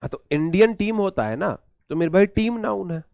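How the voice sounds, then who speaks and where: A man's voice: high-pitched, animated, moderate pace, vocal fry, a little mellow, no echo, clean studio sound. A man with an Indian accent teaching an exam-prep English grammar lesson, repeating key points and quizzing his students.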